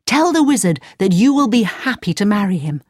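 A woman voicing a determined young male hero in a storybook reading, speaking in a steady, instructive way. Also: mid-range voice, brisk, dry recording, clean studio sound, pitched above the performer's own voice. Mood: earnest.

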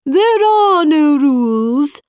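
A large, important male dodo who declares everything loudly and with total confidence, voiced by a woman storyteller. His voice is pitched high and moves a lot, and he speaks very slowly. The sound is dry and close. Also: big pitch swings, no room sound, full character voice. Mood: bossy. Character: large, important-looking male dodo bird, bossy and cheerful.

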